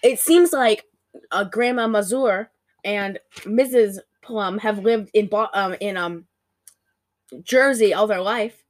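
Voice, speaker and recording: A woman's voice: mid-range voice, slow. Chatty woman dishing on a movie. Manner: animated, gossipy, many fillers. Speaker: podcast co-host. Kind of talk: casual movie review chat.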